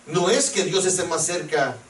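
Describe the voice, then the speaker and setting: A man's voice: a little high, normal speed, slight background noise. A male preacher giving a sermon. He questions the congregation and acts out pleading prayers. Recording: echoey room, mic at a distance.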